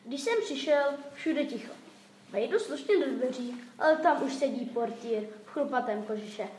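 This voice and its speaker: A woman's voice: high-pitched, lively intonation, darkish tone. A woman voicing a beaten, frightened male robber in a fairy-tale reading, retelling his story emphatically. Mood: dramatic. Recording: echoey room, faint noise.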